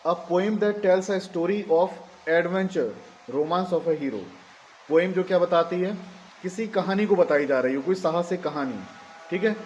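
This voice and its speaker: An Indian man teaching an exam-prep grammar lesson. He explains in Hindi, reads English lines out slowly for dictation, and often asks questions he answers himself. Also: sits high, darkish tone, lo-fi sound, slight background noise.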